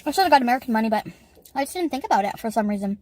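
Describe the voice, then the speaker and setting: A woman's voice: a little high, expressive, racing, darkish tone. A woman chatting casually in an eating vlog, telling a story and giggling often as she talks. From Canada. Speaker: YouTuber.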